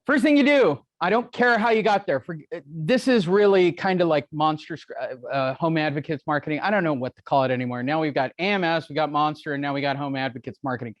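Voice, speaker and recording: A man's voice: on the high side, fast talker, hardly any pauses, no echo. A man coaching a real estate seminar in a brash, joking, profane way. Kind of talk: live seminar teaching.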